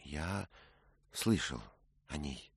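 A man's voice: low-pitched, level tone, unhurried, creaky, fairly bright tone, breathy edge, no room sound, full character voice. A man voicing a frightened young woman disguised as a boy, pleading in a breathless rush, in a read-aloud story. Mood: hushed.

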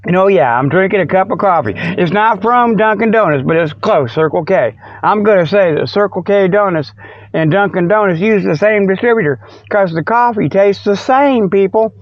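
On a muffled, dull lo-fi radio stream, a male host with a high voice rambles through a folksy, joking monologue peppered with homespun exclamations. He speaks at normal speed, with no room sound.

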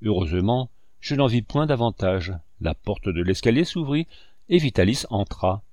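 A man reading a classic novel aloud in measured, expressive storytelling narration on a close mic. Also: fairly low pitch, no echo. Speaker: audiobook reader. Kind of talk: scripted narration.

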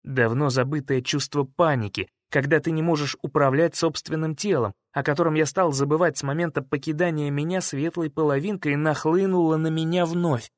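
A man narrating a first-person story in a measured, dramatic reading. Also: a little high, steady tone, no room sound, studio quality. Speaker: audiobook narrator.

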